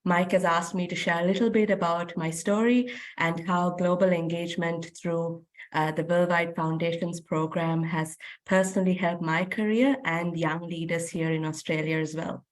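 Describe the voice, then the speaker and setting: Lowish-voiced woman from Sri Lanka. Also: steady tone, normal speed. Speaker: guest speaker, policy advisor. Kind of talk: prepared personal talk. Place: home at night.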